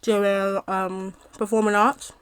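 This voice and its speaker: A young woman chats casually between bites, her voice at a middling pitch. She rambles with plenty of fillers, drifting off and picking the story back up. The sound is dry and close, with no room around her. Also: level tone, smooth, dry recording. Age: young adult. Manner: chatty, rambling with many fillers, pauses to eat. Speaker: mukbang vlogger. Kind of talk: casual storytime while eating.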